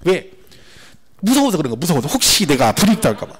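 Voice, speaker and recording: A man lecturing a class on tax law for an exam, animated and repetitive, asking the students rhetorical questions. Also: a little high, fast talker, slightly rough.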